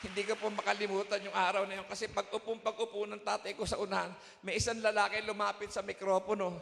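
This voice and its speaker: A man's voice: high-pitched, flat delivery, fast talker, vocal fry, a bit bright. A man giving an emotional testimony to a congregation in a large hall, telling the story in his own words and acting out both sides of the dialogue. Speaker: church testimony speaker. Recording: live hall recording with long reverb.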